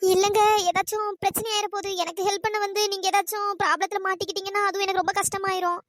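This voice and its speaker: Cartoon role: timid college girl, very high voice, fast and pleading, acted by a voice performer. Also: little pitch movement, a bit bright, no echo. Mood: tearful. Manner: polite, thanking and pleading. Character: young college woman, tearful and frightened. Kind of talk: cartoon voice acting.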